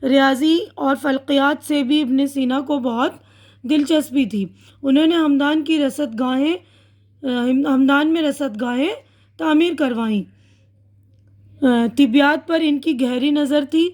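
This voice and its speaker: A woman teaching a class lesson in a high, light voice. She explains patiently, repeats key words, corrects small slips and checks that her students follow. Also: darkish tone.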